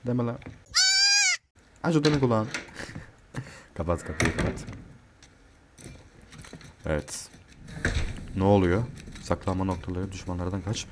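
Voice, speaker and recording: A man playing a horror game and commenting, joking and swearing, yelling in panic when chased. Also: sits low, a little slow, long pauses, background noise. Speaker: gamer.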